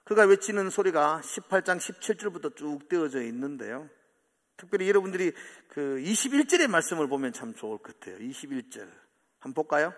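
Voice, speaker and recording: A man's voice: on the high side, fairly quick, in a large hall. A man preaching a sermon as pastor, animatedly acting out the words of the people in the story. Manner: animated, acting out quoted taunts and pleas. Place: church sanctuary.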